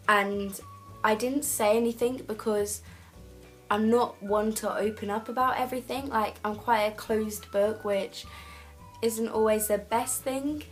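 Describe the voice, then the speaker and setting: A teenage girl tells a personal story straight to camera. Her pitch sits in an ordinary middle range, and she talks in a candid, rambling way with lots of "like"s and self-corrections. Faint music plays underneath. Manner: candid, rambling retelling with many "like"s and restarts. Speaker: vlogger.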